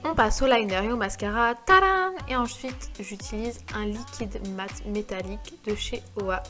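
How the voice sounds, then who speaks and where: A young woman narrating her makeup tutorial step by step, calm and explanatory. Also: mid-range voice, normal speed, soft background music. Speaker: beauty vlogger.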